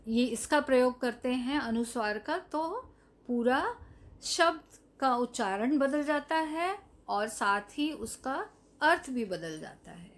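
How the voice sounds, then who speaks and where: In this recorded lesson, a woman teaches Hindi to young children in a high-pitched voice with lively intonation. Speaking slowly and drawing words out, she repeats each word and explains its meaning, then turns to the kids and asks them to say it.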